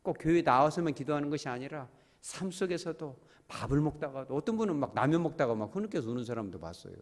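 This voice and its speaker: A man preaching a Sunday sermon as pastor, speaking straight to his congregation and acting out quick bits of dialogue. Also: a little high. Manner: animated, acts out little quoted dialogues; calls on the congregation directly. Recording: long church-hall reverb.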